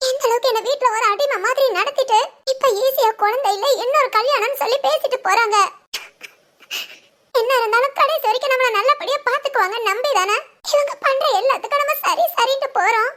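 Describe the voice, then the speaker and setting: A woman's voice: very high-pitched, brisk, fairly bright tone. A woman voicing a downtrodden young daughter-in-law in a cartoon, speaking in a plaintive, bitter way. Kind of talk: cartoon voice acting.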